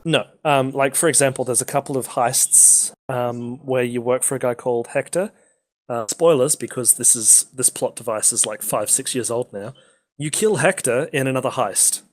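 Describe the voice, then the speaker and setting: A man's voice: medium pitch, moderate pace. A man co-hosting a casual gaming podcast, rambling with lots of ums and the odd swear. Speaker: podcast co-host.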